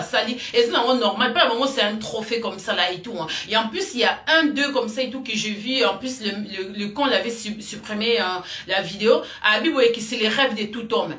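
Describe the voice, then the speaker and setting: A woman's voice: a little high, pushed and bright, echoey room. A woman gives emphatic, rambling commentary straight to camera and repeats her points often. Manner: emphatic, repetitive, rambling, addresses viewer as "ma chérie". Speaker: vlogger.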